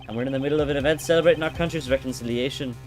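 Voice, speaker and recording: A man's voice: medium pitch, racing, close to an everyday voice. Guy doing a formal polite ambassador, game music behind. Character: polite, firm middle-aged male ambassador.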